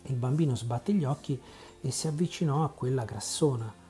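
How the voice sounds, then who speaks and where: A man reading a children's storybook aloud in a calm, measured narration. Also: mid-range voice, soft background music. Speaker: audiobook reader.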